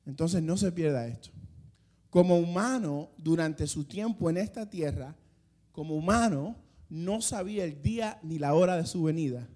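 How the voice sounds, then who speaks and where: A man with a high voice preaching from the pulpit. He builds each point with emphatic rising lines and drawn-out pauses, now and then restarting a word as he speaks freely. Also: mellow. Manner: some restarts and stammering when speaking off the cuff. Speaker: pastor. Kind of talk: sermon.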